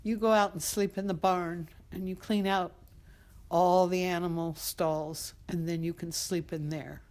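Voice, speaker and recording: A businesslike innkeeper lays down his terms in a brisk, blunt way, as a woman narrating the tale puts him on. The voice stays fairly low and near her ordinary speech. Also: fairly even intonation, darkish tone, natural voice. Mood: brusque. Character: gruff innkeeper man, businesslike.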